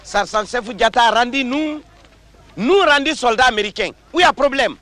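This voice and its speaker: A blunt soldier in broken French. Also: male voice, very high voice, animated, bright, forceful tone, dry recording, heavily acted. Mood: defiant. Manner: speaks broken, halting French. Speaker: corporal in a colonial army camp. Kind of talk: film drama acting.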